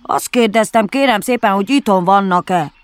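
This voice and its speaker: A woman voicing a polite, food-loving male bear who reasons slowly and ponderously, for a storybook reading. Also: on the low side, lively intonation, no echo. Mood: musing. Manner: slow, puzzled, ponderous reasoning.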